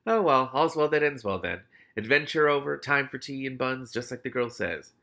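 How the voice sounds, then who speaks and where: A man voicing a wily, grumbling streetwise cat in a storybook reading, quick to hedge and bargain. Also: medium pitch, gravelly, sharp tone, pitched above the performer's own voice. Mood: sardonic, grumbling. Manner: quick-fire, hedging, sardonic. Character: wily talking male cat, streetwise, grumbling, anxiously deferential.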